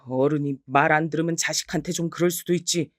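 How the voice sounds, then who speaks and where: A woman's voice: deep voice, steady tone, fast talker, no echo, close to an everyday voice. A stubborn middle-aged husband, as a woman reads him out, brushing things off in short, curt lines. The sound is dry and close to the mic. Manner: curt and dismissive.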